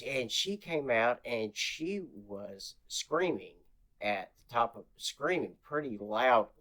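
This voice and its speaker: A man's voice: mid-range voice, slow. Rambling male guest telling a story. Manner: animated retelling, acts out quotes in a raised voice; rambling, many restarts and fillers. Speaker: interview guest. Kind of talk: casual storytelling.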